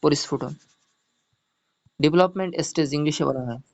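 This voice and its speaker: A man's voice: on the high side, moderate pace. A male teacher gives an online zoology lesson, explaining step by step, repeating mnemonics and checking that students follow. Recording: dull lo-fi audio.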